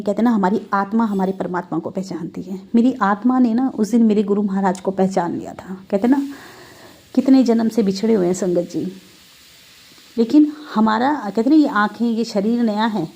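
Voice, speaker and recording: A woman's voice: mid-range voice, normal speed, a little mellow. Woman telling a heartfelt devotional story. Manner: heartfelt storytelling, often addresses the listeners directly; conversational, with everyday Hindi-English mixing. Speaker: devotee giving testimony. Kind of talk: spiritual testimony to a congregation.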